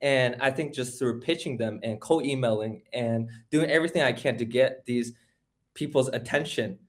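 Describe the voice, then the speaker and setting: Man, teens, eager, quick storytelling, interview guest. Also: mid-range voice. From California. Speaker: guest, hackathon organizer. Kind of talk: casual interview talk.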